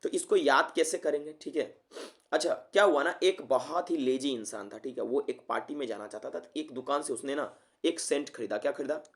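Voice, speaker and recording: A male teacher who runs an exam-prep vocabulary lesson at a mid pitch. He keeps asking his listeners what a word means and answers it himself, padding his lines with "theek hai, okay". He wraps each word in a small memory-trick story. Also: a little fast. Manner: repeats questions to the class and answers them, fills with "theek hai, okay"; tells memory-trick stories.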